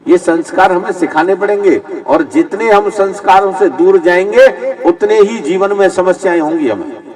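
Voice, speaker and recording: A male preacher telling stories with humor, animated and rising to loud scolding emphasis. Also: sits high, moderate pace, recorded from a distance, low-quality recording. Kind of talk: devotional scripture-story sermon.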